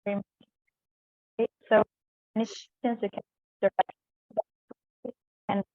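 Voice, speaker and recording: A woman opening questions on an online call, her voice thin and tinny and close and dry. Her audio crackles and cuts out from a loose mic cable, so words drop away mid-sentence. She speaks slowly in a flat, even tone. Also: medium pitch, no room sound. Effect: audio crackling and cutting out from a loose mic connection. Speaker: webinar moderator. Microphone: faulty microphone on a video call.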